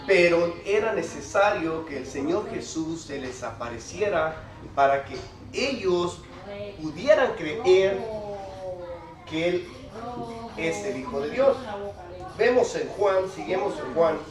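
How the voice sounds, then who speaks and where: A slightly high-voiced man preaches from a distance in a roomy church hall. He talks plainly to his brothers in the pews and lifts his voice when reading scripture, with the congregation audible around him. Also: lively intonation, takes it slowly, long pauses, crowd noise. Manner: reads Bible passages aloud with rising emphasis. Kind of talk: sermon. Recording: echoey hall from far off with congregation noise.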